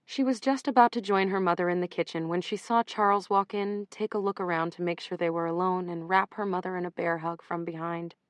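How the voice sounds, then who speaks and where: A woman narrating an audiobook in a measured, even storytelling manner. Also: on the low side, no room sound.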